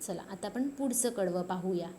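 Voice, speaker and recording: A woman's voice: mid-range voice, lively intonation, warm tone, a little hiss or hum. A woman teacher explaining a school poem to children, switching between two languages and reciting lines in a sing-song. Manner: explains slowly, mixing Marathi and Hindi.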